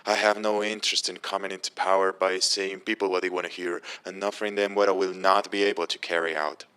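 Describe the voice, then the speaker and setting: Measured man giving an earnest speech. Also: deep voice, flat delivery, sharp tone, clear, resonant tone. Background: music.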